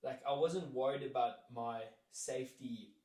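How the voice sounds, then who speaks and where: A young man from South Africa tells a rambling story as an interview guest, leaning on "like" and acting out what people said to him. His voice sits at an ordinary middle pitch. The room is echoey, and he sounds set back from the microphone. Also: a little slow, a little mellow. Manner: rambling, lots of "like" fillers, acts out quoted lines. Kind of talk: casual storytelling. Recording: roomy echo, mic at a distance.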